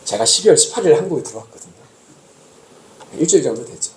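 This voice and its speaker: Male pastor in his 50s, quick lively delivery with big pitch swings, exasperated storyteller, echoey church hall. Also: slight background noise. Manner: animated, exasperated storytelling to the congregation. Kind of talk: sermon. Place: church sanctuary.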